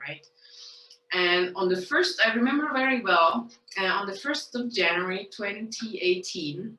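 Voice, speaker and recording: Woman guest, bright voice, roomy distant sound. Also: on the low side. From Switzerland. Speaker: interview guest and online money coach. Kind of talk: casual interview storytelling.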